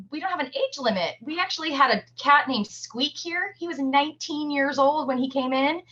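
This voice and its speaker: Speaking to children on a virtual field trip, a humane society educator explains things simply and with encouragement. Her voice is high and fairly bright. The sound comes through a computer on a video call and is dull and lo-fi.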